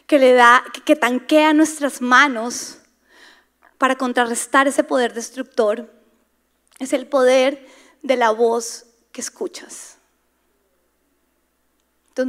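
A woman preaching to a women's congregation, dramatic, dropping to whispers for emphasis and acting out inner voices. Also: high voice. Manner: acts out inner voices, asks the crowd to repeat words.

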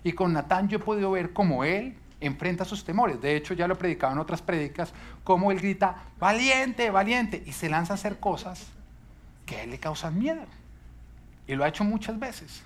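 A man's voice: high voice, animated, brisk. Emphatic male pastor preaching. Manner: emphatic, rhetorical questions. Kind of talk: sermon.

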